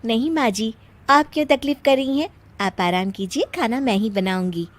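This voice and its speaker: A woman voicing a young daughter-in-law in a cartoon story who keeps giggling through her words in a very high voice. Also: moderate pace, no echo, close to an everyday voice. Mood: polite.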